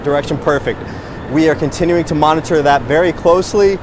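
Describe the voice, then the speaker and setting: High-voiced man reporting outdoors through noise. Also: fairly quick. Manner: urgent. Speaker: TV meteorologist reporting live. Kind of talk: live storm field reporting. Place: outdoors, station back parking lot. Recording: noisy outdoor live field audio.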